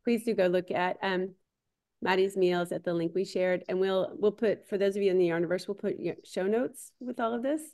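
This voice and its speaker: A woman's voice: mid-range voice, steady tone, brisk, darkish tone. A woman co-hosting a livestream in a casual, chatty style. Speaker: livestream co-host.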